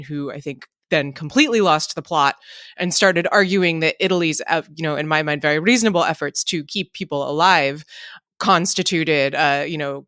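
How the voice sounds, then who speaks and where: A clear, smooth voice at middle pitch, recorded close and dry. The speaker thinks aloud as a panelist on a politics discussion, wandering through intellectual asides in an unscripted, discursive way. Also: bright, forceful tone, no room sound. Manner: discursive, intellectual, self-described nerdy digressions.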